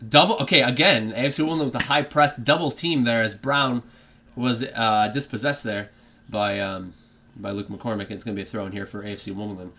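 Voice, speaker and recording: A fan streaming his reaction to a live match puts on a British accent for rambling football commentary. His voice is lowish and a bit bright, with a steady tone and a fairly quick pace. He piles on fillers, keeps restarting sentences, and drifts off topic.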